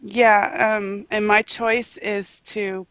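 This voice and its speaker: A woman's voice: mid-range voice, little pitch movement, extremely slow, fairly bright tone, no room sound. A woman co-hosting a casual gaming podcast, self-deprecating and casually swearing. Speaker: podcast co-host.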